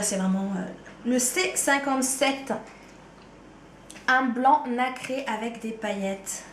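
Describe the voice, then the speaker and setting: A woman's voice: on the high side, reverberant, slight background noise. A woman vlogger with a touch of Ardennes French accent, chatting loosely and casually to camera about her favourite things. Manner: chatty, loose, slangy, trails off with "quoi". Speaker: beauty vlogger. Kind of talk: casual chat.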